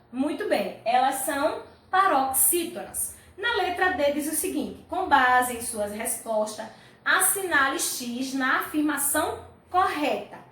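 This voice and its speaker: High-voiced woman teacher in an echoey room. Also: fairly bright tone, slight background noise. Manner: patient, slow and drawn-out, praising pupils. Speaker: primary school teacher. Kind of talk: classroom lesson correcting workbook exercises. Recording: echoey room, mic at a distance.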